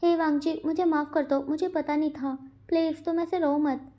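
Woman voicing a soft-spoken caring man, mellow and soothing, storybook fan retelling. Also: high-pitched, steady tone, normal speed, natural voice. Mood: comforting. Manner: soothing, gentle. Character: gentle older male omega doctor, caring.

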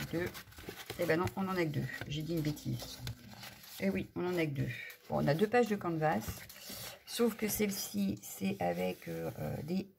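A woman with a low, gravelly voice talks casually through a craft haul, pausing often with fillers. Steady background noise sits clearly under the recording. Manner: chatty, hesitant with many fillers. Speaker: craft vlogger.

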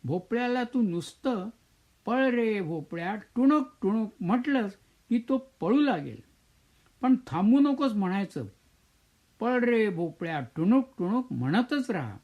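An older man voicing a caring grown daughter in a storybook, speaking in a gentle, reassuring way. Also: high-pitched, animated, unhurried, lo-fi sound, pitched above the performer's own voice, heavily acted.

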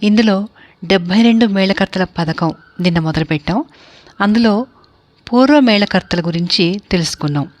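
A woman's voice: medium pitch, normal speed, long pauses. A woman from India giving a spoken music theory lecture, explaining steadily and listing terms one by one.

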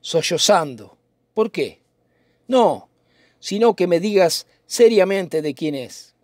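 A man's voice: high-pitched, expressive, takes it slowly, a little mellow, no room sound, clean studio sound, pitched above the performer's own voice. A man reading as Benvolio, earnest young cousin. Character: young male cousin, calm and concerned. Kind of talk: dramatic reading of a play.

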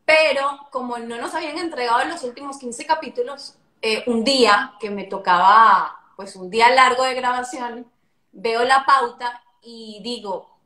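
An actress telling a story in a casual live-stream chat, animated and swearing casually. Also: female voice, on the high side, measured pace, reverberant. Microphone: phone on a live video stream.

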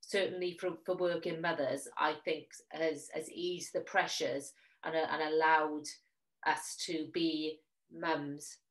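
Woman, forties, South Wales Valleys accent, low voice, flat intonation, measured interview guest. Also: poor audio. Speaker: magazine editor, guest. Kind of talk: casual interview chat.

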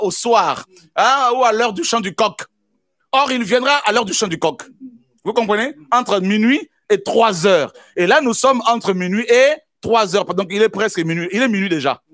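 Animated high-pitched preaching man. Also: normal speed, dry recording. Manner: animated preaching with repeated shouts and exclamations. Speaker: pastor. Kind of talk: sermon.

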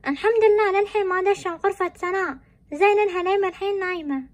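A fretful mother, played by a woman, anxious and exclaiming in a home-made family drama. Her voice is very high and quick. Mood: fearful. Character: fearful mother Umm Salem, middle-aged.

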